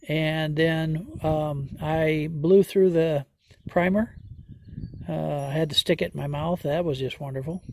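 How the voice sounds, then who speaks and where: Slow-talking folksy man fixing an engine. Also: fairly high pitch, darkish tone, slight background noise. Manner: slow, folksy, thinks aloud with many fillers. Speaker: homesteader vlogger. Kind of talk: hands-on repair walkthrough. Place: outdoors in a yard.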